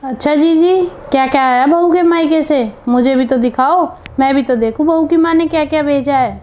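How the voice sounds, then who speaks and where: A woman voicing a sensible, kind middle-aged relative who reasons calmly and admonishes. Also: high-pitched, normal speed, noisy background, close to an everyday voice. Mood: concerned. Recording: piano music behind.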